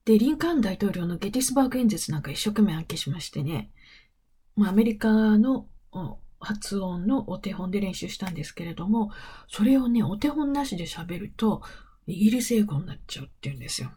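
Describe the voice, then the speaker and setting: A woman hosting a weekly advice podcast, talking softly and slowly and often slipping into a whisper. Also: medium pitch, expressive. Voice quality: very breathy, often drops to a whisper. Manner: soft, slow and coaxing, stretches key words. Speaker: English-pronunciation podcast host. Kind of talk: gentle advice monologue.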